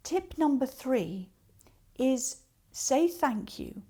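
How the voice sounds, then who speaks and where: Her voice sits high and mellow, very animated yet very slow. As a coach, this woman gives an instructional talk with practical tips, explaining step by step and acting out example remarks.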